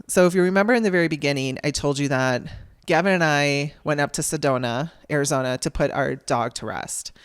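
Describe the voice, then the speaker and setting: A woman's voice: low-pitched, no echo, studio quality. A woman podcast host telling a personal story in a candid, wry way, laughing through frustration and acting out the people she quotes.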